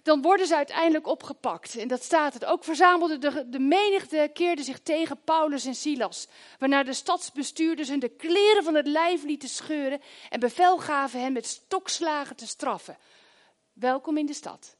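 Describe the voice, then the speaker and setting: Preaching a sermon, a middle-aged woman tells stories in a voice that sits high, moving at a moderate pace. Her delivery swings lively between hushed prayer and loud exclamations.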